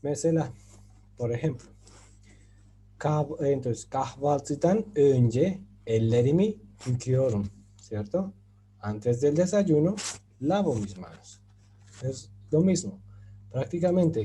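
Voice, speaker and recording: A man's voice: fairly high pitch, warm tone, a little hiss or hum. A man giving an online grammar lesson, explaining patiently with many fillers and asking his students if they follow. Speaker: Turkish teacher.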